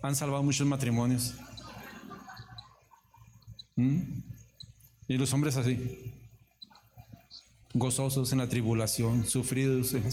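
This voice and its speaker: A male pastor preaching a sermon, mixing warm exhortation with playful jokes to the congregation. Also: a little high. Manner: humorous, playful asides to the congregation.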